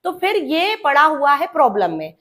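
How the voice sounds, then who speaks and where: A woman's voice: high-pitched, very animated, moderate pace, fairly bright tone. A woman teaching English grammar to students. She calls them "beta" and acts out little dialogues between grammar words. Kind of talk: classroom lesson.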